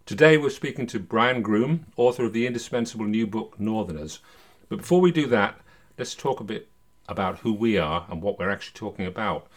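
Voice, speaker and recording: A man's voice: fairly low pitch, animated, a little fast. An older man hosting a podcast, introducing it and talking conversationally in a studio. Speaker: podcast host.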